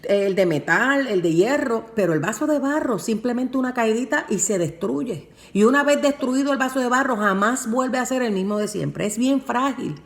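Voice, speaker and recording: A woman's voice: a little high, animated, moderate pace, few pauses. A woman preaching a sermon and telling her own testimony, with emphatic repeated phrases and fervent delivery. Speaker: preacher and worship singer.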